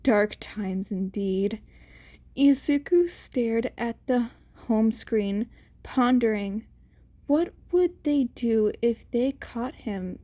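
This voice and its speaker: A woman's voice: fairly high pitch, slow pace, warm tone. A woman narrating a fan audiobook in a casual reading voice, now and then stumbling over words. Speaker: fanfiction reader. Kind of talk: amateur podfic narration.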